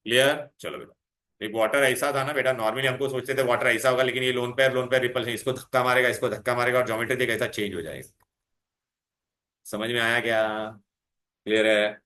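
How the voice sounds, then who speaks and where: Coaxing chemistry teacher, echoey room. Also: male voice, mid-range voice, steady tone, brisk, bright, forceful tone. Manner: coaxing, calls students "beta", quizzes them constantly. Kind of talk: revision lecture to students.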